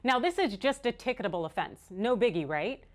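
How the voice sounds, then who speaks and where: Female American host for opinion news, slightly high voice, very animated intonation, emphatic and sardonic. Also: fairly quick. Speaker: online news show host. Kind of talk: scripted opinion commentary.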